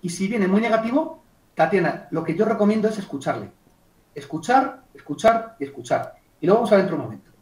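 High-voiced man in an echoey room. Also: fairly quick. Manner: lively, acts out client dialogues, addresses chat participants by name. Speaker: communication trainer. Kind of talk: online workshop talk. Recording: echoey room, distant mic.

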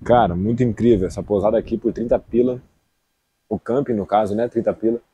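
His voice is fairly low, dark, and slightly rough, with a steady tone and a fairly quick delivery. He's a southern Brazilian-accented travel vlogger in his thirties, chatting casually and slangily outdoors on an open beach and dunes. The action camera he holds at arm's length picks up no room sound.

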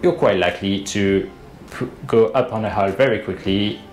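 At a normal speed and in a lowish voice, a man in his thirties who designs boats explains things during a video-call interview, stumbling through many fillers and restarts. He's in an indoor room, recorded on roomy webcam audio with a faint hiss.

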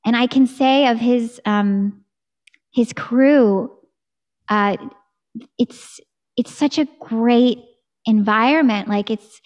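An American woman in her thirties, a singer, chats eagerly in a casual video-call interview. Her voice sits a little high and she talks with her hands, close to a studio mic in a room at home. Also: slow pace, pauses often, a little mellow, muffled recording. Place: home room with curtain backdrop. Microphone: studio mic on a boom arm.

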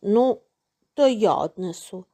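A woman voicing a hardworking, patient little rooster in a storybook tale, calling out loudly and asking pointed questions. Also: medium pitch, animated, slow. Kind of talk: storybook character voice.

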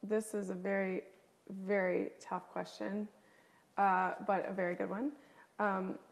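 A woman's voice: medium pitch, flat delivery, a little slow, creaky. A woman hosting a live interview, reading out viewer questions in an encouraging way. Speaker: interviewer host.

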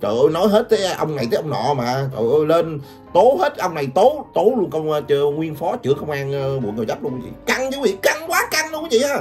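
An older woman delivers mocking gossip commentary, her voice bouncing up and down in pitch. She laughs and taunts as she talks to her viewers, with music playing underneath. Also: very animated, fast, darkish tone. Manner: taunting, laughs often, addresses viewers constantly. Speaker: gossip vlogger. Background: background music.

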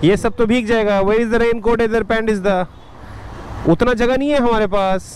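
Recorded at low quality on a helmet or bike-mounted action camera, this motovlogger is a young man with a Mumbai Hindi accent and an extremely high-pitched voice. He keeps a steady tone and measured pace while playfully chatting vlog-style as he rides through rainy city traffic, with heavy road and wind noise around him.

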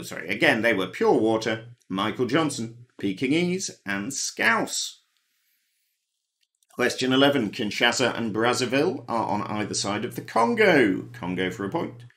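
A man's voice: on the low side, fairly bright tone. A man hosting a pub quiz, reading out the answers with dry, wry asides. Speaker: quiz host. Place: home, recorded alone.

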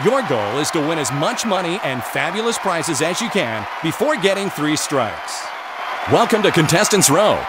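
An actor playing an upbeat game show host in a video game, with scripted lines. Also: male voice, on the high side, sing-song, normal speed, over a noisy crowd. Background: game show music.

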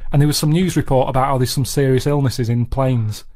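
Deadpan man rambling. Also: mid-range voice, brisk. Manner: deadpan, rambling anecdote with repeated "I said". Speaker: podcast regular telling a story. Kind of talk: casual chat.

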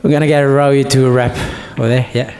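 A man's voice: medium pitch, level tone, fast talker, noisy background. A man leading worship in a church, singing and chatting casually between songs, with a live band behind him. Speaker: worship leader. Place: church sanctuary stage. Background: live band with guitar.

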